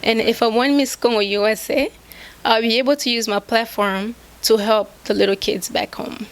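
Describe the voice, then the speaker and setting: A woman's voice: on the high side, fairly even intonation, unhurried. A woman pageant contestant answering interview questions in earnest, simple sentences.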